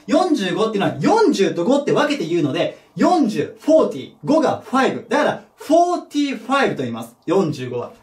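A man teaching a junior high English lesson at a board, patient and step-by-step, checking in with his students and joking about his own mistakes. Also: wildly swooping pitch, fast, few pauses, darkish tone, recorded from a distance. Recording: echoey room, voice from off the mic.

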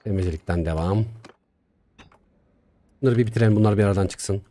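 A young man giving casual, chatty commentary while playing a strategy game, talking to himself with excitable swings. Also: on the low side, fast talker, no echo. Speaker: gaming YouTuber. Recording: faint music behind.

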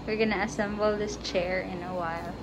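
A woman, chatting casually through a vlog, soft-spoken and laughing easily. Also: mid-range voice, fairly even intonation, a little fast, poor audio. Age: 20s. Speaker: vlogger. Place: small apartment room, indoors. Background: background music.

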